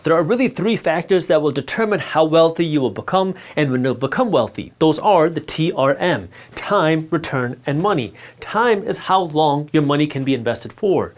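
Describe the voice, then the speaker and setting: A man teaching personal finance straight to camera, emphatic and repetitive as he hammers his key points. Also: fairly high pitch. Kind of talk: direct-to-camera explainer.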